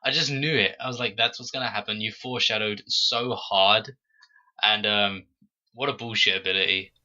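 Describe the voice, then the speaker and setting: A man hosting a casual fan podcast, talking in an animated, critical way and jumping high when he acts out quotes. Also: normal speed, lo-fi sound. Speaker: podcast host.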